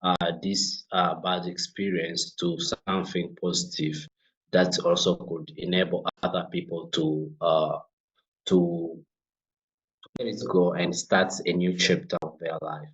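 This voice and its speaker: Deep-voiced young Congolese man, halting. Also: little pitch movement, highs cut off. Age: young adult. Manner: halting, many fillers and restarts. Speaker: guest, refugee-led organization founder. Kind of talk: interview conversation.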